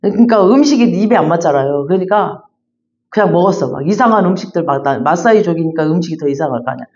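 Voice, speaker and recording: A woman pastor preaching in a chatty, animated storytelling manner, full of repeated fillers. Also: fairly low pitch, quick pace. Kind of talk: storytelling sermon. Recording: dull lo-fi recording.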